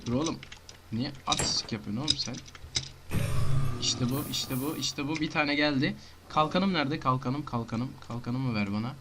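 A man giving casual commentary on his own gameplay, talking to himself and breaking into frantic shouting and rapid repeated words. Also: mid-range voice, noisy background. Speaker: gamer.

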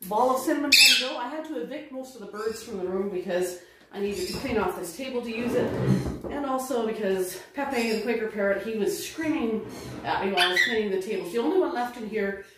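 A middle-aged woman rambles cheerfully about her day, thinking aloud as she works. Her voice reaches a phone set some distance away, so it rings around a hard, very echoey room. Steady household noise runs underneath. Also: on the high side, brisk. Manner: chatty, thinks aloud while working. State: winded after a workout. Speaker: home vlogger. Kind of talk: casual running commentary. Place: home kitchen and dining room. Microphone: phone camera set across the room. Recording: roomy, distant phone audio with background noise.

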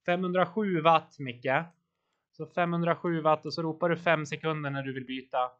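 A man's voice: fairly high pitch, fairly even intonation, dull audio. A man coaching his team live over voice chat during a virtual bike race, encouraging riders and calling out watts and turns.

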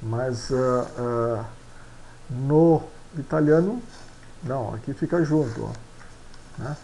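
A man from Brazil with a Brazilian Portuguese accent, teaching a video lesson in an unhurried way, often ending phrases with a questioning tag and filling pauses with hesitant sounds. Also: medium pitch, creaky, dark tone, a little hiss or hum, rough recording. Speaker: language teacher.

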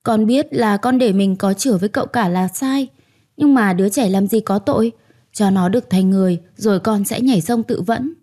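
A woman's voice: mid-range voice, normal speed, dark tone, natural voice. A woman voicing a desperate young pregnant servant who begs tearfully for mercy, reading an audio story. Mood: pleading. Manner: tearful, begging.

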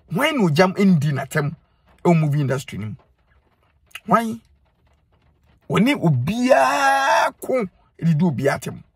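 A middle-aged Ghanaian social media commentator speaks Twi into a phone held close, filming himself inside a car. His voice is a little high and husky, the recording dry, as he delivers earnest, scolding advice straight to camera and repeats lines for emphasis.

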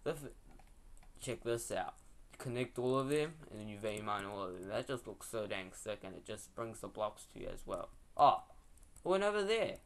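Gravelly young Kiwi man rambling over gameplay. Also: lowish voice, moderate pace, a bit bright. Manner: rambling, slangy. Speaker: gaming video host. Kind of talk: casual gameplay commentary.

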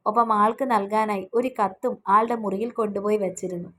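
A woman's voice: medium pitch, steady tone, fairly quick, fairly bright tone, slight background noise. A woman reading a first-person romance story aloud in an earnest, emotional way.

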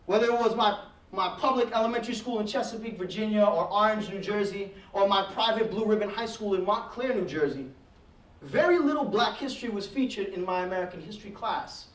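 Speaking fairly quickly in a high voice, this Trinidadian guest speaker in his thirties recounts his own story to a classroom at a heritage month event. His storytelling is reflective, with gestures and mounting intensity. Because he stands away from the podium mic, the projector-screen classroom sounds echoey and distant.

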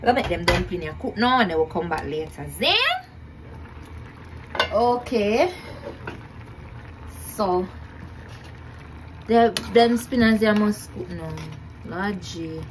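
A woman's voice: medium pitch, slow pace, pauses often, noisy background. A young woman with a Jamaican accent chatting casually as she cooks in her home kitchen, repeating herself and laughing at her own efforts. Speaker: cooking vlogger. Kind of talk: casual cook-along chat.

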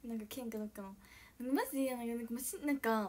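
A young woman from Okayama with an Okayama accent, chatting casually on a live stream and reading out comments, swinging between squealing shouts, giggles and soft whispers. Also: fairly high pitch, steady tone, rapid-fire. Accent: Okayama Japanese. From Okayama, Japan.

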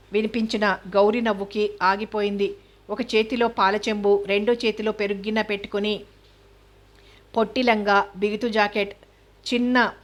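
Woman narrator, novel reading, flat and even delivery. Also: medium pitch. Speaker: novel reader. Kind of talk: scripted narration.

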